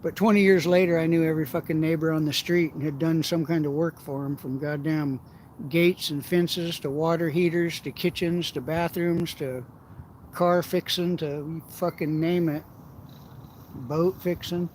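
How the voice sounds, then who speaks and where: A middle-aged man with a fairly high voice spins rambling, profanity-laced anecdotes and often laughs between them. He sits outdoors by the water, and a faint outdoor hiss runs under his voice. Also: steady tone, moderate pace, darkish tone. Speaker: outdoors vlogger. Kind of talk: casual storytelling while shore fishing.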